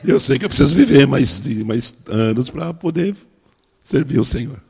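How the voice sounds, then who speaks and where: A man's voice: mid-range voice, animated, normal speed, vocal fry, husky. A man, a pastor preaching a sermon and telling personal stories, acting out the dialogue. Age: 60s. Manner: storytelling, acting out dialogue with soft laughs.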